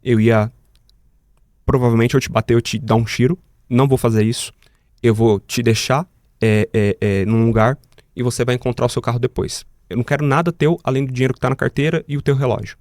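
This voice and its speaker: A man's voice: medium pitch, steady tone, brisk, a little mellow, dry recording, clean studio sound, lightly acted. A man quoting a blunt, desperate armed robber. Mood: gruff. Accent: Brazilian. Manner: blunt, street slang. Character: desperate armed man in his forties, tough.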